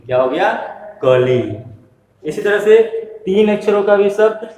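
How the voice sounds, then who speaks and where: A man's voice: high-pitched, lively intonation, moderate pace, darkish tone, slight background noise. A man teaching a primary school Hindi lesson step by step, patiently spelling out letters and asking questions that he answers himself. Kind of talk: slow step-by-step classroom lesson. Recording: echoey room, voice from a distance.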